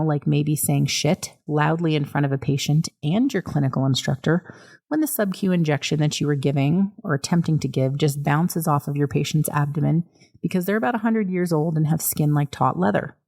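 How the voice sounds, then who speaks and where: Low gravelly woman telling a story. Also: mellow. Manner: chatty, amused anecdotal storytelling with many fillers. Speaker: podcast host, nurse educator. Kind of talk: casual storytelling.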